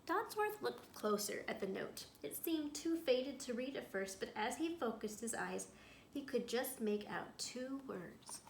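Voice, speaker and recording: Here a woman working as a school librarian reads a picture book to children, her fairly high voice animated but measured in pace. She brings the tale to life expressively, with small asides to the kids. Her voice echoes through a roomy space, and background noise is clearly present.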